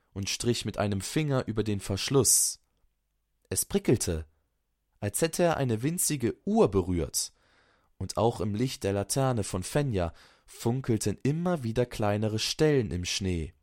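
A man narrates a fairy tale in a calm, soft-spoken way, unhurried and measured. His voice sits slightly low. The recording is dry and close to the mic. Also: no room sound. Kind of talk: scripted storybook narration.

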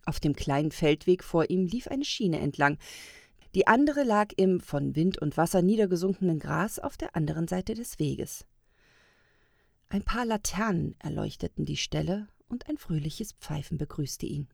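A woman reads a storybook tale aloud in a calm, measured way. Her voice is fairly low with a gravelly edge, and her pitch moves a lot. The recording is close and dry, without room sound. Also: dry recording. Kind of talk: storybook narration.

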